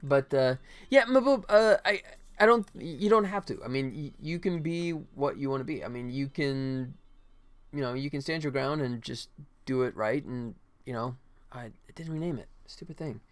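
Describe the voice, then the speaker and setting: At a moderate pace and medium pitch, a man live streams as a game developer, animatedly chatting with viewers and muttering to himself while he works.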